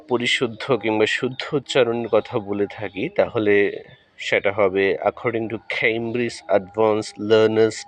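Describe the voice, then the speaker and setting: Slow-talking Bengali-accented male teacher. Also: fairly low pitch. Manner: slow, spells words letter by letter; switches between Bengali and English. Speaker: English pronunciation teacher. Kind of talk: walking vlog-style lesson.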